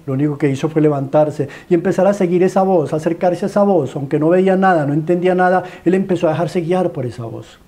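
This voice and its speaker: A man's voice: on the high side, quick pace, few pauses, mellow. A man with a Colombian accent preaching a sermon as a dramatic story, stacking rhetorical questions and repeated phrases in a pleading way.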